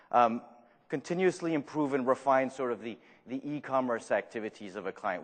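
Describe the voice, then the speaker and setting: Giving a live talk in a large, reverberant conference room, an Argentine man with a mid-range voice speaks with a French accent, though Spanish is his first language. He jokes at his own expense and asks the audience questions.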